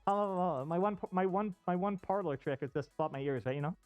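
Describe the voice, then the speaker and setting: A livestream host chats casually and rambles informally indoors from inside a fursuit costume head, so the voice comes out muffled and dull. It is mid-range and a little fast. The recording is dry, picked up by an off-costume streaming microphone, with faint music behind.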